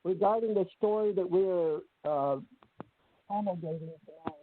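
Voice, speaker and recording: A woman's voice comes through a glitchy call that keeps dropping out, squeezed down to a thin, phone-like band. Loud static sits under her words. She talks in halting bits, checking whether she is being heard. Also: lowish voice. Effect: glitchy phone connection that keeps breaking up. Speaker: caller. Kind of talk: call-in discussion. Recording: tinny, noisy, breaking-up phone line.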